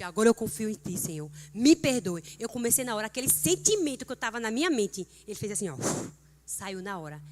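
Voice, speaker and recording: Middle-aged brazilian woman at a church prayer meeting, earnest testimony, gets fervent and loud in bits, mid-pitched voice. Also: slight background noise. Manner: earnest, emotional, rising to fervent emphasis. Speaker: church speaker leading prayer.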